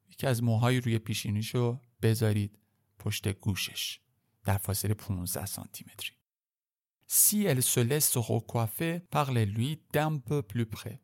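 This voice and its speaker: Man reading slow French, translating aloud. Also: mid-range voice, a little mellow. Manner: reads French slowly and carefully, then translates fast in colloquial Persian. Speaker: language teacher.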